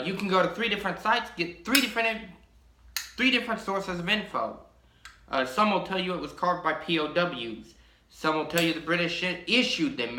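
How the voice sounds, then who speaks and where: This young man's voice sits on the high side, pushed and bright, as he shows a pipe to the camera in a casual show-and-tell for his pipe-collecting vlog. He rambles and stretches things out with many ums. It's recorded in a small, echoey room at home, with slight background noise.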